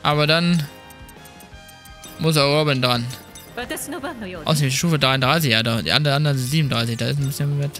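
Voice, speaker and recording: A man's voice: mid-range voice, steady tone, brisk, long pauses, a bit bright, soft background music. A male streamer giving casual let's-play commentary, chatting away and tossing in English slang.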